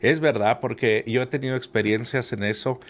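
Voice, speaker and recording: A man in conversation with a minister, affirming him and calmly telling his own experience. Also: mid-range voice, normal speed, slight background noise. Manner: affirming, with short agreements. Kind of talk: conversational talk.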